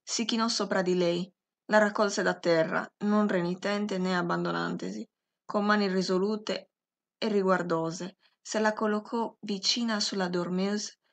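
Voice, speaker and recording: A woman narrating a classic novel as an audiobook, reading in a slow, measured and expressive way. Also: mid-range voice, creaky. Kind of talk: scripted literary audiobook narration.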